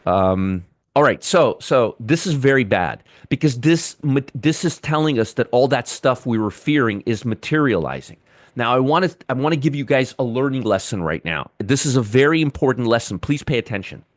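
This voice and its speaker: Middle-aged male stream host, mid-pitched, dry close sound, repeats himself, talks to chat. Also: lively intonation, moderate pace, no room sound. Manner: repetitive, talks to chat viewers by name. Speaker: trading show host. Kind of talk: live market commentary with chat.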